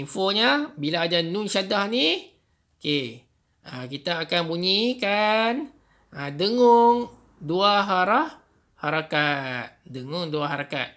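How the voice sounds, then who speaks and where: A man with a Malaysian accent teaching young children Quran reading, drawing out each phrase slowly so they can repeat after him. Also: a little high, bright, forceful tone. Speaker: Islamic studies teacher.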